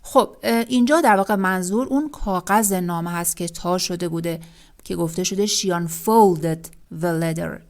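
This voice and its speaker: Woman teaching English vocabulary, slow drills. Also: lowish voice, darkish tone. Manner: reads English example sentences very slowly, then explains them briskly. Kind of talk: vocabulary lesson.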